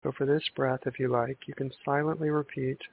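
Calm meditative man on tinny, hissy audio. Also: medium pitch, brisk, creaky. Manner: calm, meditative, gentle guiding tone. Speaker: meditation guide. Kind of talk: guided breathing meditation. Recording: tinny band-limited audio with hiss.

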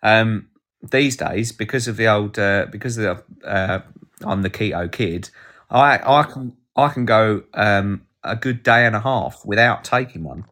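A man hosts a live podcast at a measured pace, his lowish voice bright and forceful. He keeps things casual and jokey, rambling along and reading listeners' chat comments aloud.

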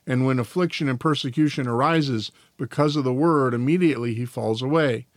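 A man's voice: medium pitch, brisk, no room sound, clean studio sound. A male podcast host reading a devotional and a church confession aloud in a careful way, now and then tripping over his words.

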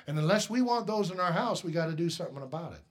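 A middle-aged male pastor preaching a sermon, telling a personal story, shifting from quiet asides to loud, emphatic peaks. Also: fairly high pitch, lively intonation, fast.

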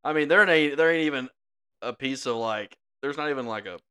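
Young co-host, animated laughing storyteller, bright and crisp tone. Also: male voice, medium pitch, a little fast. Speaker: podcast co-host. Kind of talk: casual storytelling.

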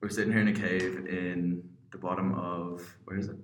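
Deep-voiced man in an echoey cave. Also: level tone, normal speed. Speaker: podcast co-host. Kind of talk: casual unscripted podcast chat. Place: cave room in a basement.

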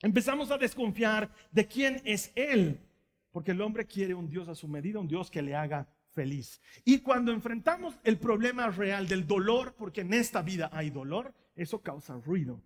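A man preaching a sermon with emphatic swings between loud and quiet. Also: sits high, lively intonation, normal speed. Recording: echoey hall.

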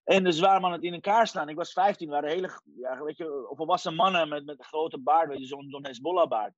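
A man in his forties from Iran, a guest telling his life story in a lively casual way, sprinkling in English phrases. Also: fairly high pitch, fast talker, no echo. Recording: dry, dull lo-fi sound.

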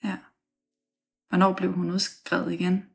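A woman interviewer with a fairly low voice asks gentle, probing questions at a relaxed conversational pace. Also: creaky, faint music behind. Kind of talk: casual interview talk.

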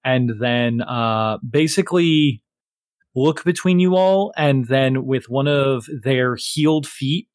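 Male game master, medium pitch, improvising tabletop scenes haltingly, very dry sound. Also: no echo. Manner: halting, searching for words.

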